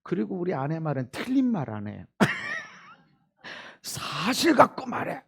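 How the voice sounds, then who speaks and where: A male pastor preaches in a church, his voice riding high and swinging widely in pitch. He drops to near whispers and then climbs back to loud, emphatic bursts. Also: huge pitch swings, slow, creaky, breathy edge. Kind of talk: sermon. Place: church sanctuary.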